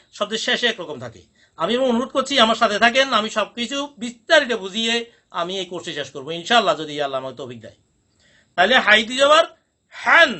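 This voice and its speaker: A man teaching Quran pronunciation in a recorded lesson, drilling each sound slowly with repetition. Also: extremely high pitch, pushed and bright.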